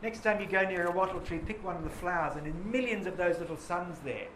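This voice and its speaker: A man's voice: high voice, quick pace, fairly bright tone, a little hiss or hum. A male teacher leading a poetry lesson in a classroom, enthusiastic and full of praise for his students. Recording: roomy classroom echo.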